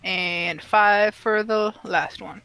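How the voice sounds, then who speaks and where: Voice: mid-range voice, fairly even intonation, takes it slowly, creaky, pushed and bright, faint music behind. A player in a tabletop game, upbeat and eager as they call out rolls and moves.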